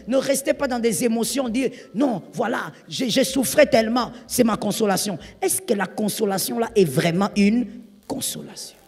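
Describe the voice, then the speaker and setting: A woman pastor with a gravelly, husky voice set fairly high, preaching a sermon. She tells a story and acts out its people, swinging from hushed asides to loud outbursts. Her voice rings in a reverberant hall, with soft music behind.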